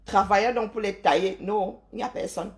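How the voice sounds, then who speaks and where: Talking a little fast in a medium-pitched, fairly even voice, a Cameroonian live-stream host lectures her viewers emphatically. Her opinionated monologue leans on rhetorical questions and tag words like "hein".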